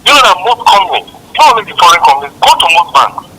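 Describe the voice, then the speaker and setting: A man from Nigeria, calling in and forcefully listing complaints, his voice climbing as he goes. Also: high voice, big pitch swings, fast, background noise. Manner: forceful, rising, listing grievances. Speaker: caller. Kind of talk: phone-in comment.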